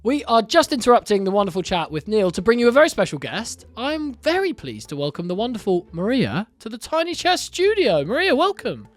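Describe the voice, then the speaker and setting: Lively fast-talking man. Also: high-pitched. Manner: playful, jokey, quick. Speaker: podcast co-host. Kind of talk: casual podcast hosting.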